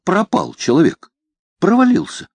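A man voicing a cunning, fawning peddler who whines and pleads in a high, climbing voice. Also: very animated, moderate pace, vocal fry, darkish tone, husky, no echo, exaggerated voice. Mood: babbling. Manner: whining and pleading, rising to shrill.

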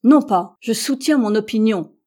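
A woman's voice: medium pitch, moderate pace, a little mellow, lightly acted. A woman voicing a stubborn, proud American explorer who argues insistently and heatedly.

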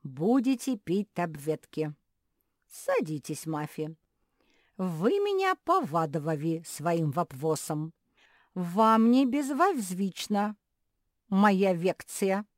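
A woman voicing an absent-minded old male bulldog professor who swaps r and l for v, speaking slowly and loudly. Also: fairly low pitch, sing-song, no echo, clean studio sound, voice pushed up. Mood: lecturing. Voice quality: says "v" for r and l. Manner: slow, drawn-out, lecturing.

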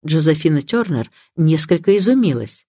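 A woman narrating a classic detective novel audiobook in a measured, expressive reading. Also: low-pitched, slightly rough, no room sound, studio quality. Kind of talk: scripted narration.

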